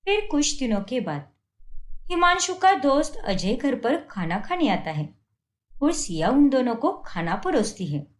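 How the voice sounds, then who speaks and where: A woman's voice: sits high, big pitch swings, unhurried. A woman narrating a cartoon story in a plain storytelling manner.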